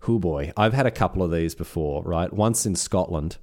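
A man with an Australian accent, co-hosting a podcast and telling stories in a casual, animated way with frequent restarts. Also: deep voice, normal speed. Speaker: podcast co-host. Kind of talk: casual chat.

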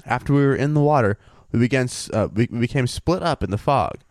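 A man co-hosting a casual podcast, telling a story in a relaxed way and thinking aloud. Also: medium pitch, fast, no room sound, studio quality.

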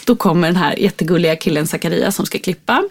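A woman telling a personal story in casual chat, acting out the people in it as she goes. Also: fairly low pitch. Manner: animated, acts out voices in the story.

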